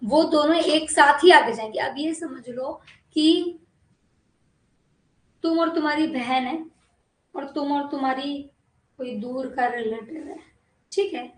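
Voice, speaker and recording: A woman's voice: high voice, echoey room, a little hiss or hum, poor audio. A woman biology teacher lecturing a class, coaxing students and often asking whether they have understood. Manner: coaxing, repeatedly checks understanding.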